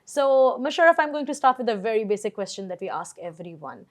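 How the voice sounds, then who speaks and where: A woman's voice: on the high side, animated, a little fast. A woman with a Pakistani accent speaking as the host of an interview. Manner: switches between English and Urdu. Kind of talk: interview, scripted introduction then conversation.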